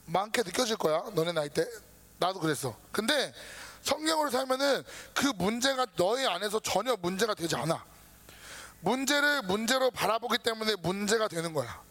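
Lively high-voiced man preaching to teens. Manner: lively, talks down to students casually, acts out their worries. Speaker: youth group pastor. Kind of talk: sermon to teenagers.

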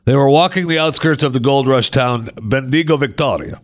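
A man's voice: medium pitch, a little fast. A man co-hosting a casual chat show, reading odd news stories aloud, laughing often and putting on mocking voices.

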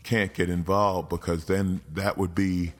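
A man hosting a political talk show, ranting with sarcasm and exasperation, his voice jumping up in loud outbursts. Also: low voice, level tone, measured pace. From United States.

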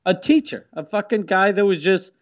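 A man's voice: high-pitched, moderate pace, muffled recording. A man chatting casually on a podcast, blunt and profane. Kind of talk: casual chat.

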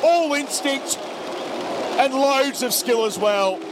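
A man giving excited live cricket commentary in short, dramatic, exclamatory phrases. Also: very high voice, slow pace. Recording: noisy open-air stadium broadcast.

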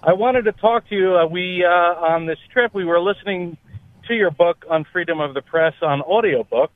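A middle-aged man from New Jersey calling a radio show, speaking politely and earnestly, a bit haltingly. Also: sits high, dry recording. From New Jersey, United States. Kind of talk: polite, earnest phone-in question. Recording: thin, narrow phone line.

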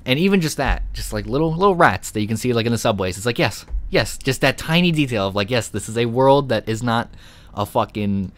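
A young man hosting a solo live podcast, rambling excitedly with lots of fillers and frequent swearing. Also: on the low side. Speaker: podcast host.

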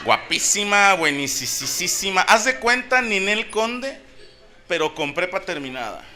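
Crude, animated Mexican comic onstage. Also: male voice, sits high, a little slow, over loud music. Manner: crude, slangy and animated, acting out voices mid-story. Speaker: stand-up comedian. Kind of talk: stand-up comedy monologue. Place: comedy venue with an audience. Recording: noisy live stage recording. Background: audience laughter.

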